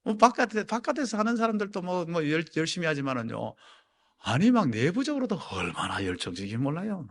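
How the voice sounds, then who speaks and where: High, lively-voiced male pastor preaching. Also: fairly quick. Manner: swings from hushed, near-whispered lines to loud, ringing exhortation; acts out quoted people in raised, excited voices. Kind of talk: sermon. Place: church sanctuary.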